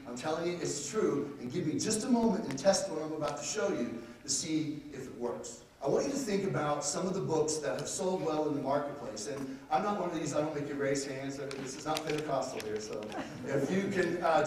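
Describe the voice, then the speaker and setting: A man delivers a live seminar talk in a brash, joking, salesy way, his voice sitting a little high. He sounds distant from the mic, carried by a strongly echoing room. A faint hum of room ambience sits underneath. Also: a little mellow. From Texas. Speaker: speaker. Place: conference room with audience.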